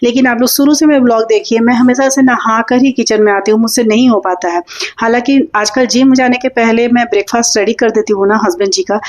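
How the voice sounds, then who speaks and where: A middle-aged woman from India, hurriedly talking through her day in a rambling, chatty vlog voice-over, recorded in a quiet room. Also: a little high, fairly even intonation. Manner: rambling, hurried chatty talk with frequent fillers. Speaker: housewife vlogger.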